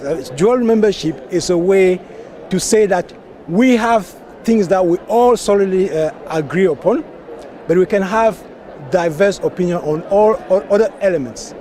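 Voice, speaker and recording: Outdoors at a conference venue, with street traffic passing, a Cameroonian party member speaks earnestly and passionately in a street interview. His voice sits high yet has a dark tone, moving at a normal speed.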